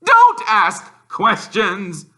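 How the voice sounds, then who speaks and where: A man's voice: high-pitched, wildly swooping pitch, sharp tone, voice pushed up, heavily acted. A man voicing a blustering, short-tempered uncle in a storybook, strained and sputtering as he gives orders or forces out politeness. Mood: angry, snapping. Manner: sputtering, halting, barking orders.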